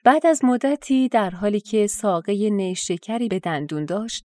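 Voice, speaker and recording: Steady, gentle female audiobook reader for folk tales; mellow tone, dry booth sound. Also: mid-range voice, no room sound. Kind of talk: scripted storybook narration.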